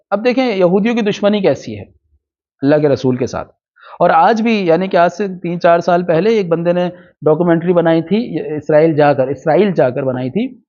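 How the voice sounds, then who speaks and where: A man teaching a religious lesson. He reads Arabic passages slowly, then explains them with quick asides and rhetorical questions. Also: sits high, dark tone. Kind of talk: hadith lecture, reading Arabic text and explaining it. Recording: dull lo-fi recording.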